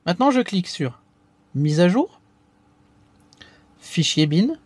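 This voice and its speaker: A man's voice: high-pitched, very animated, slow, darkish tone, breathy edge, no echo. A man hosting a casual step-by-step tech tutorial, talking hesitantly with frequent fillers and restarts.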